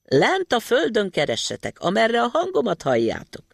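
A man voicing a tiny, mischievous boy in a storybook reading, shouting and teasing. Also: extremely high pitch, wildly swooping pitch, creaky, no echo, clean studio sound, pitched above the performer's own voice, full character voice. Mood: eager.

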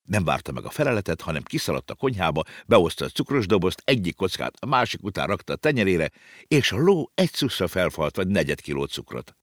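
Low-voiced man, audiobook narration of a children's story, animated delivery, dry close sound. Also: dry recording. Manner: lively, expressive storytelling.

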